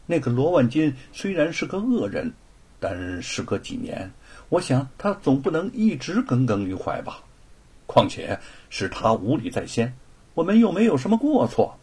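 A man voicing a gentle young daughter-in-law who speaks softly and soothingly. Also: medium pitch, sing-song, moderate pace, slightly rough, heavily acted. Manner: soft, soothing.

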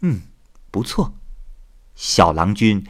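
A man voicing a merry young fairy wife who teases with laughter and high exclamations. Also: sing-song, slow. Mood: teasing.

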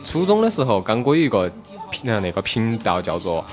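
This talk show host, a Sichuan man with a strong regional accent, has a lowish voice with big pitch swings and speaks fast. Chatting casually in colloquial dialect, he recalls local radio and music through stories and rhetorical questions while music plays behind him.

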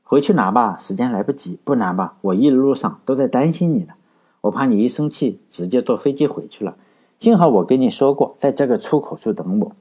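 A man's voice: mid-range voice, expressive, a little fast, mellow, husky. Man doing an earnest, doting young writer.

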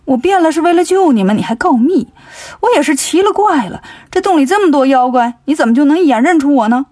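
A woman voicing a clever, mischievous male monkey king in a children's story, cocky and quick-witted. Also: sits high, animated, darkish tone. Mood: cheeky.

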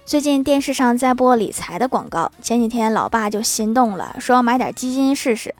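Young woman, comic storyteller, slightly high voice, deadpan punchlines, faint background music. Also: a little fast. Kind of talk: casual comic anecdotes.

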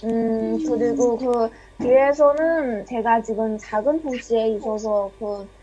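A woman's voice: a little high, takes it slowly, warm tone, muffled recording, a little hiss or hum. A young woman from China speaking Korean with a Chinese accent as an interview guest, hesitant and self-deprecating in casual chat. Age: young adult.

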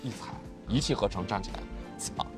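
A young man, a podcast guest telling a story in casual chat, animated and laughing often. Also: on the low side, brisk, over music. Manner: animated, acts out quoted voices, laughs often.

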